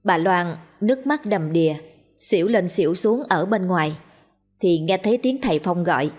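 A woman narrating a scripted ghost story in an even, measured storytelling manner. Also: lowish voice. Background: faint music.

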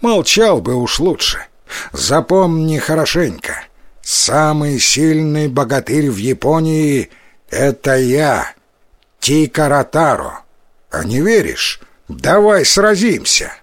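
Man reading a proud storybook strongman, loud, raised pitch, mocking. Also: sing-song, slow, no room sound, clean studio sound. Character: boastful mighty young male folk-tale strongman.

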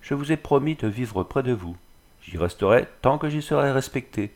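A man's voice: lowish voice, very animated, moderate pace. A man reading the part of a proud, defiant young wife in an audiobook, firm and disdainful.

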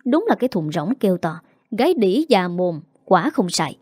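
A woman's voice: mid-range voice, animated, normal speed, mellow, no echo, studio quality, close to an everyday voice. A woman narrator voicing a spiteful, scheming young woman who sneers and mocks as she talks, in a Vietnamese audiobook story. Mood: sneering. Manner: sneering, mocking.

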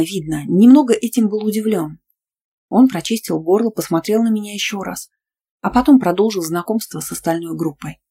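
A woman narrating a first-person audiobook in a lively, playful, ironic way. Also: on the low side, slight background noise.

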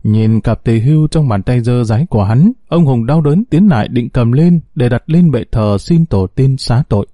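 A man narrating a scripted story in a steady, measured way. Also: mid-range voice, no room sound, lo-fi sound.

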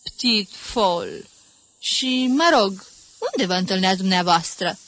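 A woman's voice: mid-range voice, fairly bright tone, close to an everyday voice. Woman voicing an effusive old society lady. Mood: gushing. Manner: gushing, theatrical, exclamatory.

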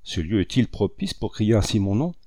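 Gruff, contemptuous giant of a man, a grumbling storybook villain, as a male narrator puts him on. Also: lowish voice, big pitch swings, normal speed, warm tone, no room sound, studio quality. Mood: scornful. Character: huge, brutal, scornful male conspirator.

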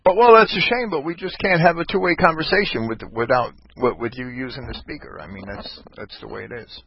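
A man's voice: mid-range voice, a little fast, a little hiss or hum. A man hosting a casual call-in talk show, rambling and ranting with many restarts. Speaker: podcast host. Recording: dull lo-fi online voice chat.

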